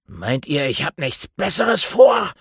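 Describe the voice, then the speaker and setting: A man's voice: mid-range voice, sing-song, slow, no echo, clean studio sound. A man voicing a grumpy, greedy male badger who snarls and bosses others around, for a children's audiobook. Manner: snarling, bossy.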